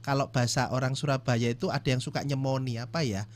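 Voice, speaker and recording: A man's voice: medium pitch, fairly even intonation, fast. A man counseling couples with an Indonesian accent, explaining in a casual, aside-filled way. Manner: explanatory, adds short asides. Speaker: marriage counselor. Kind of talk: casual advice talk.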